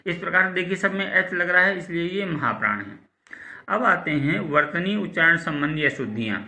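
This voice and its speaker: A male school teacher gives a recorded class lesson with a very bright, ringing voice pitched a little high. He speaks slowly and deliberately, repeating words and setting wrong forms against correct ones. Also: expressive.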